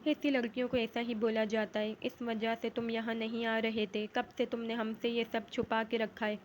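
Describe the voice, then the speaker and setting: A middle-aged mother, fond of her son yet quick to scold, voiced by a woman reader. Her voice is fairly high and flat. The tone is sharp. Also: slight background noise, natural voice. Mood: angry. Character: middle-aged mother, doting but angry.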